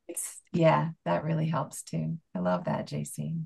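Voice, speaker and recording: A middle-aged woman with a low, gravelly voice hosts a relaxed faith-based chat. She talks in an encouraging way and keeps asking guiding questions. Her voice sits a little low and has some fry in it. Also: a little slow. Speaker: podcast host and life coach.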